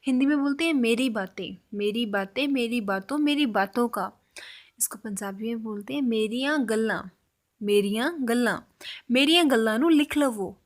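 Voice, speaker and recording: In a spoken language lesson, a woman teacher talks patiently in a voice that sits a little high. Each example phrase is delivered slowly and then repeated for the learners.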